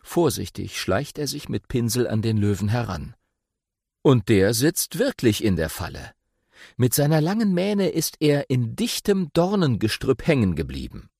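Man reading a kids story, super lively voice, unhurried, dry close sound. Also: mid-range voice, gravelly, slightly rough, no echo. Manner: expressive, playful storytelling. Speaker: audiobook narrator. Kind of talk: children's audiobook narration.

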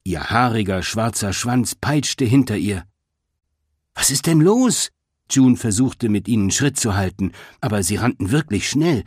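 A man narrating a children's story in an expressive, scripted reading. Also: lowish voice, moderate pace, few pauses, breathy edge, no room sound, studio quality. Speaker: audiobook narrator.

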